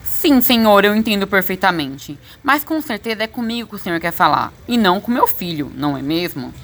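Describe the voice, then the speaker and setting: A woman's voice: mid-range voice, sing-song, a little fast, a bit bright. Woman doing a stiff, pompous dad. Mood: stiff polite. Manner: stiff, overly polite. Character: stiff, pompous father on the phone.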